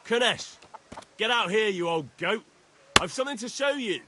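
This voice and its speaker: An actor playing a brash, rowdy young village lad in a video game, cocky and matey in manner. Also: male voice, medium pitch, lively intonation, normal speed, background noise, close to an everyday voice. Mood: taunting, threatening.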